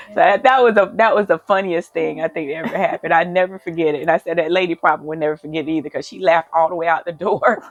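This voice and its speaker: A woman's voice: lowish voice, fairly even intonation, fast, dry recording, dull audio. A woman, a mother chattily telling family stories, often repeating herself. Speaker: mother guest. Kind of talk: casual family storytelling.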